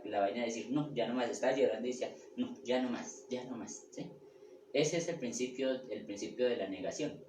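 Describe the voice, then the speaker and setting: A man giving a spiritual lecture, often checking in with the listeners and repeating his phrases. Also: lowish voice. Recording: echoey room with background noise.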